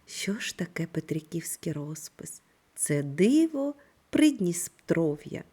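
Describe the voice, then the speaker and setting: A woman teaching a primary school reading lesson, speaking slowly and clearly in an instructive manner. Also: fairly low pitch. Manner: slow, clear, instructive delivery with lively intonation. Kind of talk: scripted online reading lesson.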